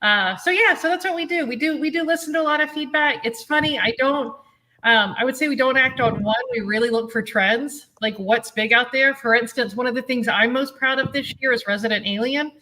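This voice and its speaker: A woman's voice: high voice, fairly quick, sharp tone. A woman who runs a convention, talking casually in an interview and laughing easily. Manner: chatty, laughs often. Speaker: convention director.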